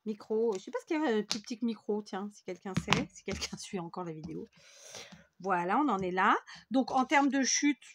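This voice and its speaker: A woman's voice: mid-range voice, animated, a little fast, a little hiss or hum. A woman from France hosting a scrapbooking tutorial, rambling and self-mocking as she works at her craft table. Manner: rambling and self-mocking, talks while working. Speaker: scrapbooking video host.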